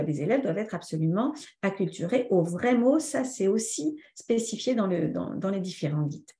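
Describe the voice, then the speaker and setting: A woman trainer giving a live online lesson, lively and answering viewers' comments by name. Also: medium pitch, reverberant. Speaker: teacher trainer.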